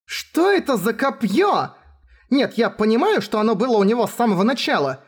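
A man voicing a shrill, indignant young princess in an audiobook, scolding and high-pitched. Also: very animated, a little fast, breathy edge, exaggerated voice. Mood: shrill alarm. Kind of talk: audiobook character voice.

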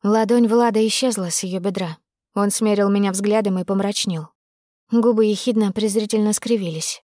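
A woman reading a first-person novel aloud as an audiobook narrator, with brisk, intimate storytelling. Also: medium pitch, fairly even intonation, warm tone, no echo, studio quality.

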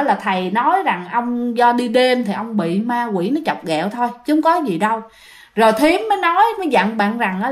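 Talking directly to her audience, a young Southern Vietnamese woman chats her way through a ghost story with plenty of fillers. Her voice sits on the high side, and her manner is casual.

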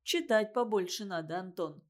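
A woman's voice: medium pitch, animated, moderate pace, natural voice. A woman reading a story aloud and giving a condescending schoolboy his lines in a lecturing tone. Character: know-it-all schoolboy, condescending and boastful.

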